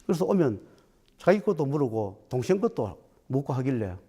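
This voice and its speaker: A man's voice: medium pitch, sing-song, moderate pace, mellow, breathy edge. A man, a Buddhist dharma teacher, telling stories in a talk and acting out the quoted dialogue. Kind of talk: storytelling talk.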